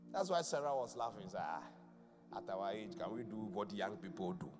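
Over keyboard music, a bishop preaches a live sermon in a low-ish, slightly fast voice with lively intonation. He keeps it conversational, quizzing the congregation as he goes.

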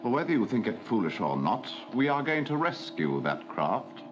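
A precise, military colonel, played by a man, gives orders in a clipped voice with very lively inflection. The audio is a dull archive television track with music underneath. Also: mid-range voice, normal speed, natural voice. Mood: commanding. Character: clipped, commanding male army colonel. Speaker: actor in archive TV drama. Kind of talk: 1960s television drama acting.

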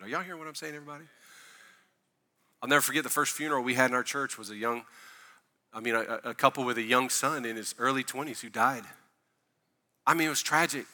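A man's voice: medium pitch, sharp tone. A male pastor giving a sermon in a conversational way, repeating key phrases for emphasis.

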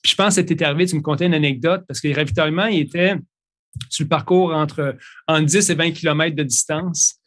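A man's voice: on the high side, fairly even intonation, brisk, fairly bright tone. A man interviewing a guest in a casual chat, recapping the guest's story back to him. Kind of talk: casual conversation.

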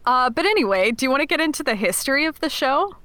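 A woman's voice: high voice, animated, fast talker, a bit bright, no room sound. A woman co-hosting a podcast, chatting informally and often dropping in "like" as she talks. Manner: informal, peppers talk with "like". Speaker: podcast co-host. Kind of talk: casual chat.

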